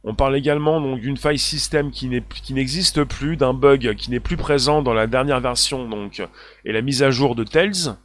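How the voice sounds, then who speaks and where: A man's voice: mid-range voice, moderate pace. A man hosting a live stream, talking emphatically and repeating himself, with many fillers as he reads out viewer comments. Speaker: livestream host.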